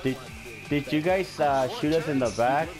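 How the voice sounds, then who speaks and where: A man's voice: fairly high pitch, moderate pace, over loud music. A man playing an online shooter, chatting casually over voice chat, swearing, laughing and taunting the other team. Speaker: gamer on voice chat. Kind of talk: casual game chat, trash talk.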